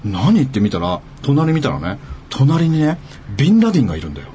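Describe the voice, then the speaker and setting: A man's voice: medium pitch, quick pace, heavy background noise. A man telling a long anecdote on a radio talk show, acting out the quoted lines. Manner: animated storyteller acting out quotes. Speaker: radio guest storyteller. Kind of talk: casual radio chat.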